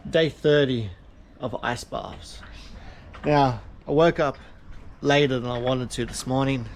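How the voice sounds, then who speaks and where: A man's voice: medium pitch, measured pace. A man talking casually to camera as a vlogger. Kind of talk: casual vlog talk to camera. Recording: clear background noise.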